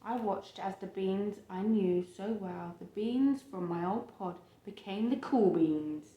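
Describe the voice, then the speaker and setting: A woman with a mid-range voice reads a picture book aloud to a child and talks with them about it, stretching out phrases for expressive emphasis. The home recording sounds roomy and echoey.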